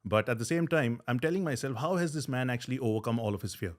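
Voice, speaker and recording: Man, 30s, Indian accent, interviewer, casual, rapid speech. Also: medium pitch, animated. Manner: friendly, fast, informal, calls people bro.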